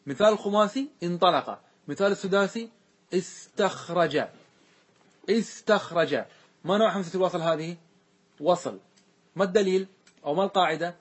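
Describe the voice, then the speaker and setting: A man's voice: sits high, fairly quick, long pauses, slightly rough. A man teaching a grammar lesson, asking the class questions and repeating the answers to them. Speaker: teacher explaining grammar verses.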